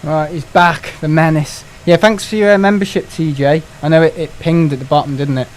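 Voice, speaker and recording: A man's voice: on the high side, steady tone, fairly quick, a little hiss or hum. Chatty man streaming a flight game. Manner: chatty, joking, swears casually, talks to chat. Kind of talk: casual live-stream chat.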